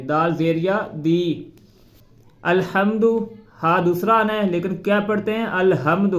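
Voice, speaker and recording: A man with a fairly high voice, teaching a step-by-step recitation lesson. He spells out each letter and vowel mark slowly, then recites the words. The room around him is echoey. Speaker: Quran reading teacher.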